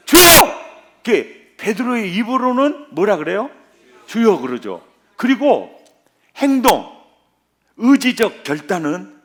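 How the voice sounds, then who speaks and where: A male pastor preaching a revival sermon, often putting questions to the congregation. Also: high-pitched. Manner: animated, quizzing the congregation.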